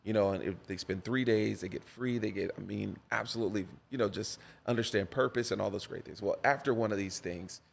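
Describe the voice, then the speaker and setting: A man's voice: fairly low pitch, fairly quick, gravelly, few pauses, slight background noise. A man, a pastor and podcast guest, telling personal stories in a conversation with a preacher's cadence and lots of repetition for emphasis. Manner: animated storyteller, preacher's cadence, repeats for emphasis. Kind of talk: conversational storytelling interview.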